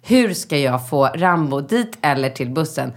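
A woman in her thirties telling a lively, profanity-laced story in casual chat, acting out the voices of the people in it. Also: sits low. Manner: animated anecdote telling, acting out quotes; swears often.

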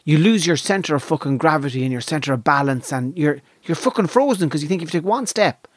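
Male, west of Ireland accent, slightly high voice, dry close sound, casual sweary storytelling. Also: brisk, dry recording. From County Donegal, Ireland. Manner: animated anecdote-telling with frequent swearing. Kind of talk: casual chat and comic storytelling.

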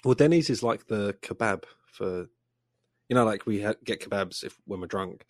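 A man's voice: fairly low pitch, normal speed, dry recording, clean studio sound. A young English man co-hosting a podcast, talking enthusiastically and swearing casually. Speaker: podcast co-host. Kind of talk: casual chat.

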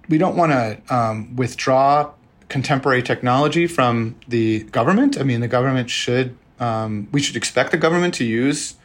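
A man talks as an expert guest in an informal interview. His pitch is average for a man. He explains things conversationally and slips into quoted dialogue as he tells them.

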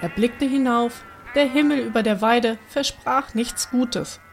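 A woman reading a children's bedtime story aloud in a gentle, expressive way. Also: on the high side, unhurried, vocal fry, slight background noise.

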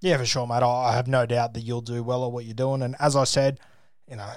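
A man's voice: medium pitch, level tone, brisk, no echo, studio quality. An Australian man chatting casually, giving advice in a matey, blokey way and swearing freely. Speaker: social media sports page creator giving advice. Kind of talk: casual phone chat.

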